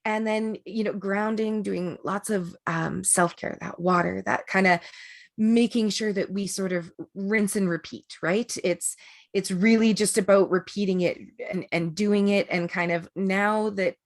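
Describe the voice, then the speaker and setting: A woman with a gravelly, creaky edge to her voice leads an energy work class over a video call. She talks in a chatty, rambling way, full of fillers and little laughs. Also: medium pitch, steady tone, a little slow. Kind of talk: casual online class talk.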